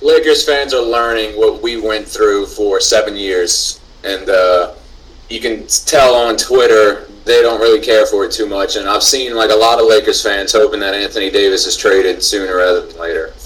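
A man's voice: on the low side, steady tone, moderate pace, fairly bright tone. A man on a podcast panel, chatting casually about sports. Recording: distant from the mic.

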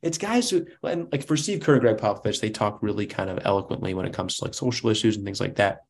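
A man hosting a casual podcast chat, talking in an animated, joking way with quick asides. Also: lowish voice, gravelly, breathy edge. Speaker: podcast host.

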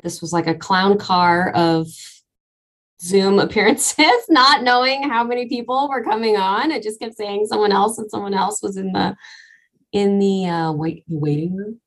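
A woman's voice: medium pitch, normal speed. A woman from Northern California hosting a podcast in an upbeat, chatty way and laughing easily. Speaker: podcast host. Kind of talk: casual chat.

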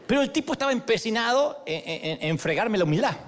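A man's voice: very high voice, big pitch swings, quick pace, slight background noise. A man with an Argentine accent giving a humorous, sermon-style talk, telling stories in a playful, self-mocking way. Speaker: motivational speaker.

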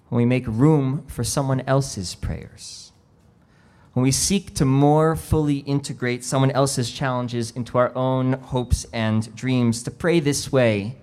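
Slow, reflective man giving a sermon. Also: mid-range voice. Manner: slow, reflective storytelling with quiet emotional dips. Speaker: rabbi.

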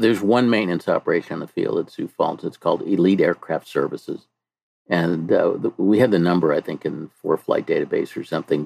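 A man co-hosting a podcast in casual chat, talking in halting bursts with restarts. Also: sits low, creaky, a little mellow, breathy edge, dry recording. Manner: halting, frequent restarts, chuckling. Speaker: podcast co-host.

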